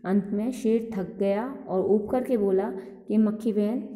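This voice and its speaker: एक अध्यापिका ऑनलाइन कक्षा में बच्चों को कहानी पढ़कर सुनाती है और हर पंक्ति को सरल शब्दों में फिर समझाती है।. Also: female voice, mid-range voice, steady tone, a little slow, mellow. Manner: reads each line then re-explains it simply. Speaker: school teacher. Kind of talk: online class story reading. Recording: echoey hall reverb.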